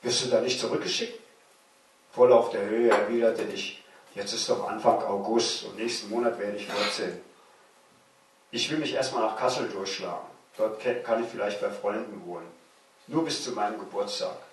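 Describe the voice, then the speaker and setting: A German man in his sixties reading aloud from his own memoir, measured and slowing down for suspense. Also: fairly low pitch, a little hiss or hum. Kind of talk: literary reading. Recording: very echoey room, distant mic.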